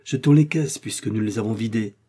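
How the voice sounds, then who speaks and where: A man reading an audiobook, voicing a gruff male hunter with an emotional, protective manner. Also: fairly low pitch, fairly quick, dark tone.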